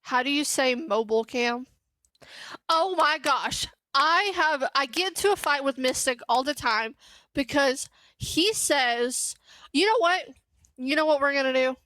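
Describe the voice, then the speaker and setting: A woman's voice: high-pitched, animated, a little slow, bright, forceful tone, dry recording. A young adult woman streaming a game, chatting casually and in a giggly, scattered way with her viewers. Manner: giggly and scattered, talking to chat. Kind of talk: casual live-stream chat.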